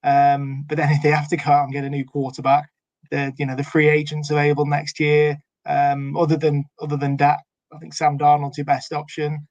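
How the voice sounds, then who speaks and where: A man's voice: a little high, monotone, a little fast, a little mellow, no echo. A man co-hosting a casual sports podcast chat, hesitant with many fillers and restarts. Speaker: podcast co-host.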